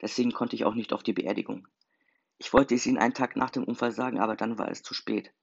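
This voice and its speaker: A man voicing a subdued young woman, the late brother's girlfriend, in a steady, low-key way. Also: fast talker, creaky, husky, dull audio.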